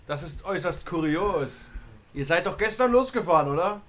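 A man's voice: high voice, lively intonation, moderate pace, a bit bright. A man voicing an officious, suspicious harbor master in a tabletop game, asking fussy, quizzical questions. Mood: puzzled. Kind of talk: tabletop role-play acting.

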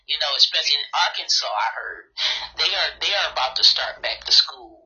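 A woman's voice: low-pitched, expressive, a little fast, pushed and bright, dull audio. A woman hosting a casual call-in talk show, emphatic and repeating herself. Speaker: host.

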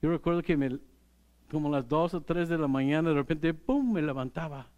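A middle-aged male pastor, preaching in a relaxed, conversational way. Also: fairly high pitch, lo-fi sound. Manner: unhurried, conversational preaching with light laughs. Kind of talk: sermon.

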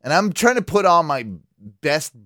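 A man's voice: fairly high pitch, animated, moderate pace, bright, forceful tone, dry recording, clean studio sound. A man hosting a radio show, telling a profane, rambling story in casual chat.

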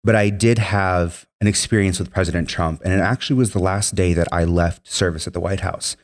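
Speaking briskly in a low voice, a young ex-military man whose first language is Spanish shares his story on an interview. He wanders from point to point, sincere throughout and leaning heavily on fillers like "um" and "you know."

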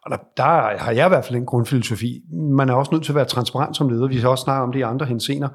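A man with a husky, slightly rough voice talks through leadership advice in a podcast interview. He is reflective and thinks aloud, circling back and restarting his sentences as he builds his point. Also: mid-range voice. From Denmark. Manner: reflective, explains at length with restarts. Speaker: leadership advisor.

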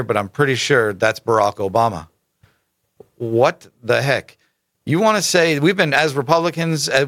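Male commentary host, mid-pitched, emphatic and rhetorical, dry close recording. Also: fairly bright tone, no echo. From United States. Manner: emphatic, rhetorical asides, stumbles over names. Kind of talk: casual political commentary, reading articles aloud.

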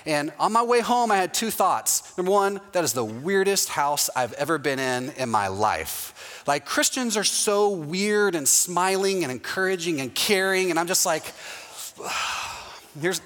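Texan pastor preaching in a reverberant hall. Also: male voice, high voice, very animated, moderate pace, a bit bright. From Texas. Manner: storytelling with quoted voices, often asks the audience "right?". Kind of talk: sermon.

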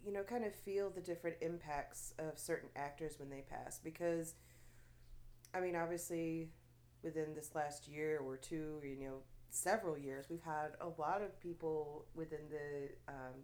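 She co-hosts a laid-back podcast, her nose stuffy from allergies, talking at a normal speed in a low, steady, slightly mellow voice. Her chatter is packed with fillers and restarts, and she laughs a lot.

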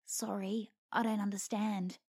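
A woman voicing a mild, hapless adventurer man whose remarks come out weary and deadpan. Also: mid-range voice, a little slow, breathy edge.

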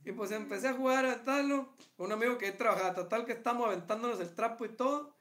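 A Mexican man with a high, bright voice co-hosts a relaxed, comedic podcast. He reads listener stories aloud, stopping to poke fun at the writing. His tone stays loose and joking. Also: racing. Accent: Mexican Spanish. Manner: laughs often, reads aloud and jokes about the text. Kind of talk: casual comedic chat.

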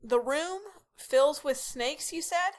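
A woman's voice: high-pitched, slow pace. A woman playing a radio call-in show host, casual and skeptical with her callers. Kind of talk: late-night radio call-in acting.

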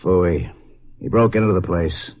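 An actor playing a gruff, curt police lieutenant with a clipped, brusque manner in a 1950s radio drama. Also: male voice, sits low, expressive, a little slow. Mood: curt, impatient. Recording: dull lo-fi vintage radio recording.

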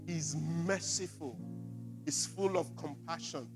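A man preaching a sermon as pastor, repeating words with emphasis and swinging from loud to quiet. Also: fairly high pitch, takes it slowly, music in the background. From Nigeria.

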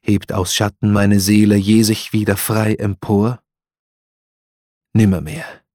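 A man reciting a poem in a dramatic, impassioned way, swelling to loud outcries. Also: on the low side, completely flat delivery, unhurried, no echo, studio quality. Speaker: professional speaker reciting a poem.

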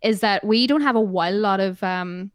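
A woman's voice: mid-range voice, normal speed, clear, resonant tone, dry recording. Irish woman, musician guest, chatty and rambling, dry close mic. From Ireland. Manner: chatty, rambling, many fillers and laughs. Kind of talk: casual interview chat.

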